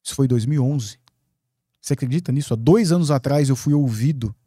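Guest, male, from Brazil; mellow, dry-miked podcast storyteller, profanity and lively re-enactment. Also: medium pitch, quick pace, husky, no echo. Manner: lively, swearing, acts out his own past words. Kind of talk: animated storytelling in a podcast interview.

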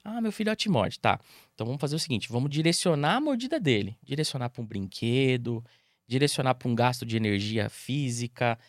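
A man from Brazil who works as a dog trainer, explaining as a podcast guest and acting out owners and dogs in quick voices. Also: mid-range voice, lively intonation, no room sound, studio quality. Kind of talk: casual interview talk.

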